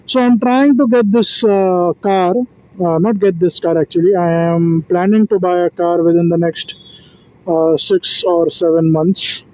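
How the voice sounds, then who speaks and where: A man's voice: high voice, fairly even intonation, unhurried, a little mellow, low-quality recording. A man rambling through a solo vlog, tired and yawning, who keeps stumbling, restarting and correcting himself with self-deprecating asides. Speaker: vlogger.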